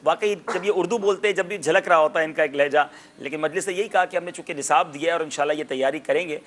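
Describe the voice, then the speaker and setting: A man hosting a TV quiz show, lively and loud when he announces correct answers, explaining pronunciation like a teacher. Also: fairly high pitch.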